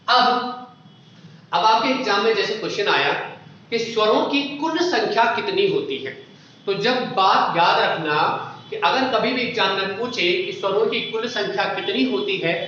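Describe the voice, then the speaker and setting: A man's voice: high-pitched, sharp tone, a little hiss or hum. A man teaching a grammar lesson for exam preparation, explaining step by step and putting questions to the class. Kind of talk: exam-prep Hindi grammar lecture. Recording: echoey room, dull lo-fi sound.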